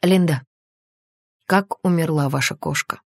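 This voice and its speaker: A woman's voice: low voice, measured pace, dry recording, clean studio sound. A woman reading an audiobook voices a male police detective who questions a suspect persistently but soothingly. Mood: coaxing. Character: male police detective, calm coaxing interrogator.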